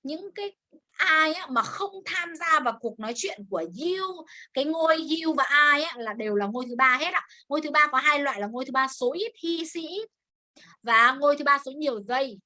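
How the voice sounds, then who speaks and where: High bright teacher woman. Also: expressive. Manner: mixes Vietnamese and English, drills words slowly. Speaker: English teacher. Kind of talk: online grammar class.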